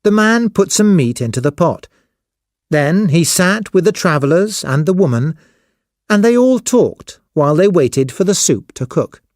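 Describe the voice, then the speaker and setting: Slow, expressive man narrating a storybook. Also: high voice, dry recording, studio quality. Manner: slow, expressive, clearly spoken. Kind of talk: scripted storybook narration for children.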